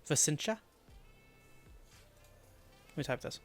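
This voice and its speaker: A man streaming live, thinking aloud as he mutters and repeats made-up names to test how they sound, often dropping to a quiet murmur. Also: slow pace, soft background music. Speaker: streamer building a fantasy world.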